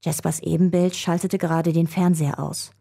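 A woman reading a children's adventure story aloud, telling it in a calm, even way. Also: fairly low pitch, moderate pace, gravelly, breathy edge.

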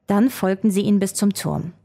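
A woman's voice: mid-range voice, brisk, vocal fry, mellow. Woman reading a storybook aloud.

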